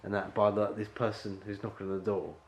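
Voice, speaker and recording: A man's voice: fairly low pitch, level tone, brisk, darkish tone. A man directing an actor at an audition, rambling and full of fillers as he explains the scene. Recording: echoey room with faint ambience.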